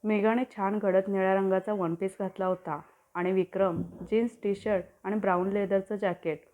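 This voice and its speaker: A woman reading a love story as a storyteller, in steady, descriptive narration. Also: mid-range voice, moderate pace. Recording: tinny phone-like sound.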